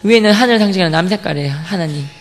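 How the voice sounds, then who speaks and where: A young man giving a lively church testimony, acting out the lines he quotes and firing questions at the congregation. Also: sits high, very fast. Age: young adult. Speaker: testimony speaker at a church service. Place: church sanctuary. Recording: long hall reverb from the church.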